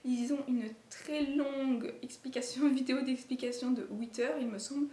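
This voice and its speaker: In an echoey home room with faint noise, filmed late in the day, a sewing vlogger with a non-native French accent shows garments she made in a casual chat. Her high voice has a steady, dark tone at a moderate pace, and she uses many fillers and restarts.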